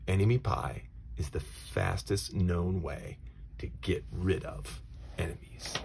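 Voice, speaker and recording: A man voicing a calm, sly, knowing father in a children's storybook, speaking deliberately and mysteriously. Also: sits low, gravelly, slight background noise, exaggerated voice.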